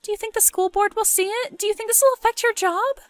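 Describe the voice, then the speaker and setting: A woman voicing an excitable, pushy young woman friend in an animated story, exclaiming and goading. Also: extremely high pitch, quick pace, no echo, soft background music, voice pushed up. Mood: worried.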